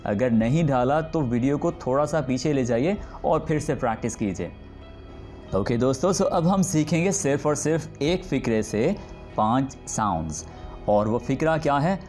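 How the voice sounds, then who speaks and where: A man teaching English pronunciation. He explains patiently and says each example word slowly and drawn out, often stopping to check in with the learner. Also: mid-range voice, expressive, darkish tone, soft background music. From Pakistan. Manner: drawn-out demonstration words repeated slowly. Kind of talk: spoken language lesson.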